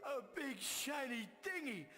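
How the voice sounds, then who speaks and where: An actor playing a dim, hungry, childlike Viking in a cartoon video game, with a goofy, simple-minded manner. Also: male voice, extremely high pitch, sing-song, unhurried, heavily acted. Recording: game audio with loud music.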